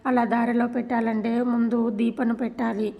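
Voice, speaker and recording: A woman voicing an angry young granddaughter who shouts accusations at her family. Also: fairly high pitch, flat delivery, brisk, gravelly, dull audio. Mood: angry, accusing.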